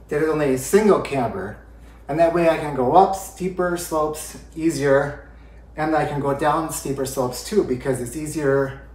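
A man in his thirties walks through how skis work, speaking a little above the usual pitch for a man. He explains step by step while demonstrating, heard from a camera set well back. His voice carries the bounce of a roomy living room. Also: far from the mic. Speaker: ski instructor. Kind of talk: home demonstration tutorial. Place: living room by a brick fireplace. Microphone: far camera.

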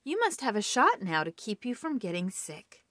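A woman voicing a caring old grandmother in a storybook, gentle but firm. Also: mid-range voice, very animated, normal speed, no room sound, clean studio sound.

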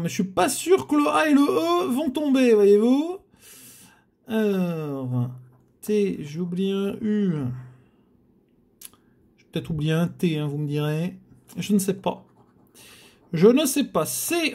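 A man comments casually on his scratch tickets, speaking to his viewers as if they sat beside him. He takes his time, his pitch rising and falling a lot, with frequent sighs and little groans when the letters don't come. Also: very animated, slow pace, long pauses, darkish tone. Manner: chatty, addresses viewers, frequent sighs and groans at bad luck. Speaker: scratch-card video host.

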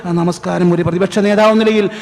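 A man playing a male TV news anchor with a formal, measured delivery. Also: high voice, fairly even intonation, darkish tone. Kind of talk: stage mimicry of a TV news hour. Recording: stage hall reverb.

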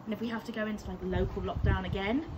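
A woman's voice: mid-range voice, rapid-fire, noisy background. Chatty woman in echoey empty rooms. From England. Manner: chatty, playful, lively tour-guide banter. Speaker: vlogger. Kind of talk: casual house-tour vlog. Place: empty house with bare rooms and wood floors. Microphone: phone held at arm's length and on a tripod.

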